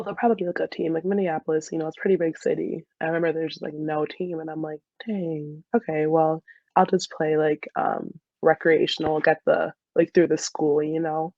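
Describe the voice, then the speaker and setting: An American-accented woman in her twenties, guesting on a podcast, tells casual stories in a chatty, giggly manner full of "like." She studies dentistry and plays soccer. Her voice is deep and a little mellow, captured in a dry, lo-fi recording.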